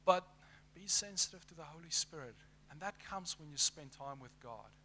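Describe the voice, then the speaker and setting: A middle-aged man preaching a sermon with passion, swinging from loud to hushed as he acts out prayers. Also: a little high, expressive, moderate pace. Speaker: pastor.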